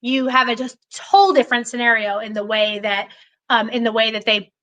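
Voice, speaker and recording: High bright-voiced woman, passionate and emphatic. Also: fairly quick, poor audio. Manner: passionate, emphatic, with frequent restarts. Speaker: political candidate. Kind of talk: podcast conversation.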